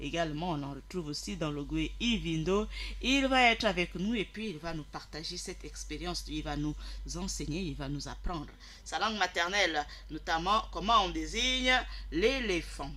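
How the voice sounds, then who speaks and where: Addressing listeners directly, this male radio host teaches in a didactic way and repeats key phrases to drive them home. His fairly high voice is bright and forceful, moving at a moderate pace.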